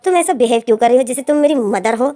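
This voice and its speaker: A woman's voice: on the high side, lively intonation, fast, mellow, natural voice. A woman voicing a moody, short-tempered young male student who answers curtly and with irritation. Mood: irritated. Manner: curt, irritated replies.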